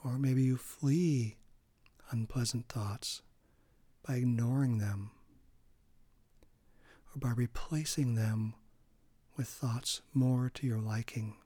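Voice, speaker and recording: Slow, calm man guiding meditation. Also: medium pitch, no echo. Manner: slow, calm, with soft breathy trailing phrases. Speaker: meditation guide. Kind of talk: guided meditation.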